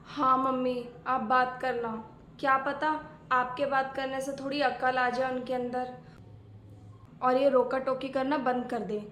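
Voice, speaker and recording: A woman's voice: sits high, little pitch movement, measured pace, a bit bright, a little hiss or hum. A woman playing a young married daughter who complains in a chatty way about her strict in-laws, in a family skit. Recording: echoey room.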